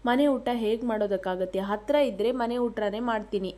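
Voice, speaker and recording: A woman's voice: on the high side, moderate pace, dark tone, lightly acted. A woman reading a mocking grown son. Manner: teasing, sarcastic remarks.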